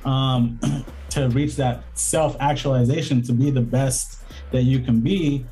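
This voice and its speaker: A man's voice: medium pitch, fairly even intonation, unhurried, dark tone, faint music behind, rough recording. A man speaking as a guest in a casual interview, reflective and rambling, with many fillers and restarts. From Southern California. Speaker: guest, lawyer and entrepreneur.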